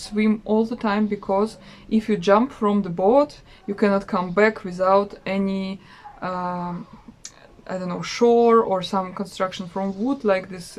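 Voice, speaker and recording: A travel vlogger, a woman in her thirties with a Russian accent, chats casually about a trip, using many pauses and fillers. Her voice sits in the mid range with a darkish tone.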